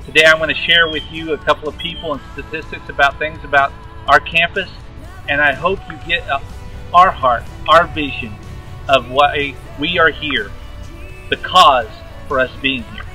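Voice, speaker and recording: A man's voice: on the high side, normal speed, bright, forceful tone. A man leading a campus ministry, hosting a promotional video in an earnest, preacherly way. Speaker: campus ministry leader and host. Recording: roomy sound from a distant mic with music behind.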